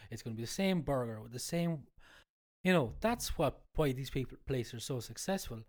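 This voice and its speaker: A man's voice: mid-range voice, expressive, normal speed. An Irish man with a Cork accent and a stuffy nose from a cold, explaining things in casual conversation, often repeating his points. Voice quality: congested, stuffy-nosed from a cold. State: has a cold. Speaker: cook and cookery class instructor, guest.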